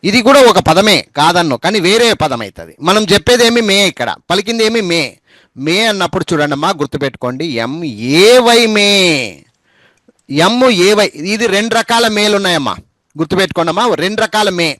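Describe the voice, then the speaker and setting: A man teaches English, spelling each word letter by letter and saying it again and again. His voice sits high for a man. The sound is dry and close. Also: expressive, quick pace, fairly bright tone, dry recording. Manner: patient and repetitive, spells words letter by letter. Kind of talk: spoken English lesson over a group call.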